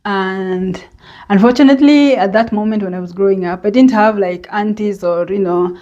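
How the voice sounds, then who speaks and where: A woman from Kenya with a Kenyan accent, talking in a reflective personal vlog and pausing often to think. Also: mid-range voice, dark tone, muffled recording. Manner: unhurried and reflective, with many hesitant pauses and fillers. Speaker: vlogger.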